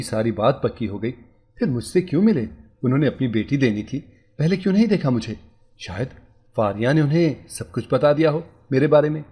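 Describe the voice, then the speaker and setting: Brief: anxious young husband, soft and coaxing, mid-pitched storybook voice, by the narrator. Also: male voice, close to an everyday voice. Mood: worried. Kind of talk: storybook character voice.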